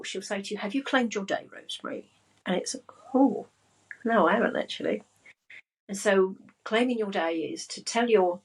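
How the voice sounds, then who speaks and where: A woman speaking as a podcast guest, a spiritual business coach, in a slow, calm and grounded way. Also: lowish voice, vocal fry, husky, rough recording. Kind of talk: casual podcast chat.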